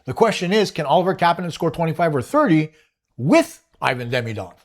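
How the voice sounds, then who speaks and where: A man's voice: fairly high pitch, big pitch swings, brisk. A man hosting a solo hockey analysis show, talking in an analytical, emphatic way and laying out his points step by step.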